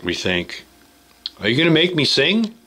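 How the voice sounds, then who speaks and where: A man's voice: fairly high pitch, wildly swooping pitch, moderate pace, pushed and bright, low-quality recording. A man hosting a casual studio visit, joking loosely and swearing now and then. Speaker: video host. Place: recording studio.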